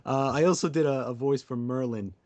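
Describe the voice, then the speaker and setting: A jokey podcast co-host chatting casually in a man's mid-range voice. He reacts with lively animation and wraps up the show with quips. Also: mid-range voice, fairly quick. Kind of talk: casual chat.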